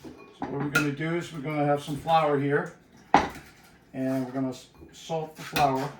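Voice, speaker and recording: A middle-aged man with an Austrian accent, a chef walking through a cooking demonstration in a relaxed, instructive way with many "uh" fillers. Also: on the high side, normal speed. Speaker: guest chef. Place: home kitchen. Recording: echoey kitchen from far off, faint hiss.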